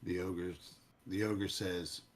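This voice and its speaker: Slow, low, husky male game master. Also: little pitch movement. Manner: halting, searching for words. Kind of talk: improvised tabletop game narration.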